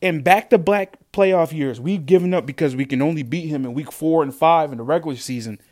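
A man's voice: fairly high pitch, fairly quick, a little mellow. A man ranting angrily and profanely about his football team's losses, repeating himself as he vents. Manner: angry, profane, repetitive. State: upset. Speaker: sports fan ranting. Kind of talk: profane sports rant.

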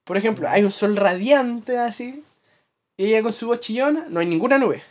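A man with a Chilean accent chatting casually as a podcast co-host, acting out his anecdotes with lively asides. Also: sits high, normal speed. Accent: Chilean Spanish. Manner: animated storyteller, acts out anecdotes, laughs at his own jokes. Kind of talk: casual chat.

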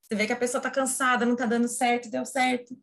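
A woman, explaining things in a lively, casual conversation, often asking her listeners "right?". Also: on the high side, fast, creaky. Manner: animated, acts out imagined quotes, frequent tag questions.

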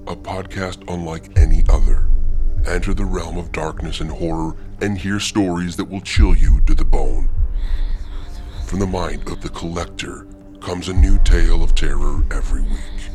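A man hosting a horror podcast, reading a scripted promo in a slow, ominous, theatrical way. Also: low-pitched, fairly even intonation, over music.

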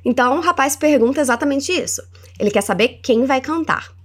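Brazilian woman, english teacher, lively pitch, fairly high voice, slow modeled repetitions. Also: breathy edge. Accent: Brazilian Portuguese. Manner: animated and encouraging, models words slowly for repetition. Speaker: English teacher and podcast host. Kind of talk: language lesson podcast.

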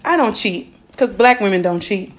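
A woman's voice: mid-range voice, animated, normal speed, soft background music. A woman hosting a casual podcast chat, brash and profane as she reads listener questions. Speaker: podcast host.

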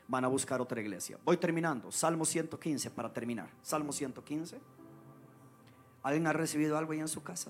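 A man preaching as pastor, his voice sitting a little high for a man. He is fervent, calling for amens and having the congregation repeat after him, and he swells loud when he reads scripture. A faint guitar plays behind him. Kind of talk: sermon. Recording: soft guitar music behind.

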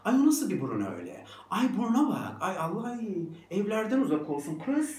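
Short comic put-on: a scornful gossip woman, a man playing her shrill. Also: very animated, a little fast, a little mellow, roomy sound, recorded from a distance. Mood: mocking. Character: gossiping woman mocking a teen's looks.

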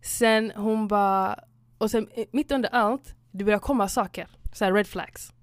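A woman's voice: medium pitch, fairly even intonation, no room sound, clean studio sound. A woman chatting casually, retelling a story and acting out both sides, mixing English phrases into her tinged talk. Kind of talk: casual chat.

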